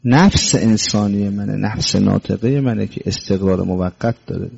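A man's voice: fairly low pitch, vocal fry, a little mellow, slightly rough. A man preaching a religious sermon, quoting Arabic scripture and then explaining it, repeating his key words and asking rhetorical questions, sometimes sternly scolding. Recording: dull lo-fi recording.

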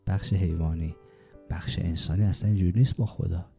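A man preaching a religious sermon, exhorting his listeners, chanting Arabic verses slowly and acting out complainers in quick bursts. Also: fairly even intonation, vocal fry, mellow, breathy edge, faint music behind. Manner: exhorting, quotes Quranic Arabic in a slow chant; acts out complaining voices in quick high bursts.

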